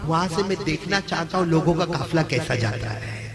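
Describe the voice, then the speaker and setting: A man voicing a devout ten-year-old boy who pleads softly with his mother, with crowd noise behind. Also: a little high, normal speed, lightly acted. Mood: pleading.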